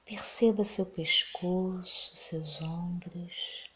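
Slow, soft near-whispering woman guiding meditation, Brazilian accent. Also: on the low side, steady tone. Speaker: guided meditation narrator. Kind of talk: guided meditation, slow soothing delivery.

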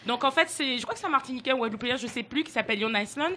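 Quick earnest woman explaining. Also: fairly high pitch, bright, forceful tone, slight background noise. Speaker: panelist. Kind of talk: casual panel discussion.

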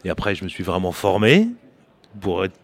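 A man's voice: low voice, lively intonation, moderate pace. A man who sells wine, a radio studio guest explaining earnestly with some repetition. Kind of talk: casual interview.

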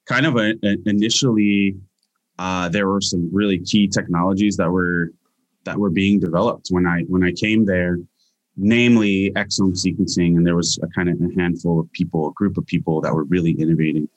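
A man's voice: low voice, steady tone, brisk, dry recording. A young Hawaiian man answering interview questions casually as a guest scientist, with frequent restarts and fillers.

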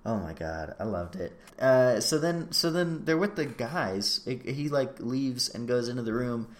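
A man's voice: medium pitch, measured pace. A man chatting casually on a podcast, retelling a scene and acting out both people's lines. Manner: animated retelling, acting out both sides of a conversation. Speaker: podcast co-host. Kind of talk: casual chat recapping a reality show.

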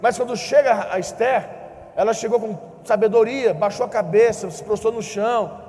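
A man's voice: high-pitched, moderate pace, darkish tone, big-room sound. A Brazilian man preaching a sermon, asking his listeners questions and acting out the dialogue of the story he tells. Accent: Brazilian Portuguese. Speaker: pastor.

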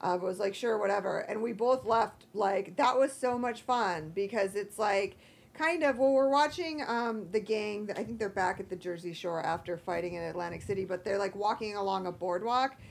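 Creaky, hoarse American woman chatting. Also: medium pitch, normal speed. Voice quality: hoarse, croaky allergy voice. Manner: self-deprecating, candid, salty. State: hoarse from allergies. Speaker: podcast co-host. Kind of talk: casual chat.

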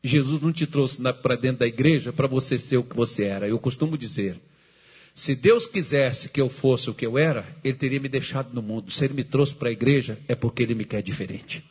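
A middle-aged man preaching a sermon as pastor, moving from hushed storytelling to shouted exhortation. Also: mid-range voice, a little fast, slightly rough.

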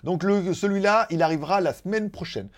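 A man's voice: high-pitched, brisk. A man hosting a casual tech news show, rambling through asides and laughing at his own jokes. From France. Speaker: tech YouTuber host.

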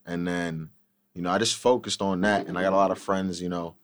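A man's voice: sits low, steady tone, fairly quick. A young man, a laid-back, confident podcast guest. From Long Island, New York. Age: 20s. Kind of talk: casual chat.

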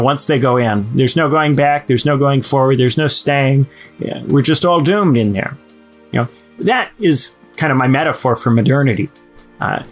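Man, podcast host, casual storytelling, rambling, mid-range voice. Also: mid-range voice. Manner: rambling, many "you know" fillers and restarts. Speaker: podcast host, former lecturer.

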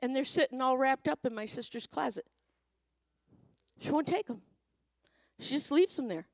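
Middle-aged woman, high voice, dry close sound, story-driven sermon rising to fervent preaching. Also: normal speed, no room sound. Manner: builds to loud fervent preaching; acts out quoted speech in storytelling.

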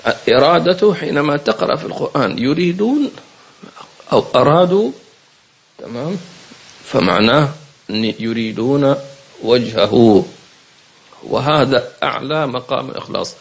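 Gravelly-voiced man teaching a lesson. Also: mid-range voice, lively intonation, moderate pace, pauses often. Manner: questioning, repeats key words, checks understanding. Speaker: religious teacher. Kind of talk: lesson commentary on a religious book.

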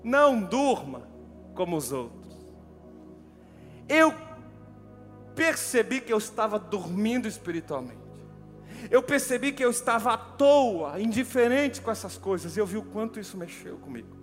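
A high-pitched man preaches in an animated storytelling manner. His voice rings with long reverb through a church hall, with faint music underneath. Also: normal speed, pauses often. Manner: animated storytelling, addressing listeners as brother. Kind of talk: sermon with personal story.

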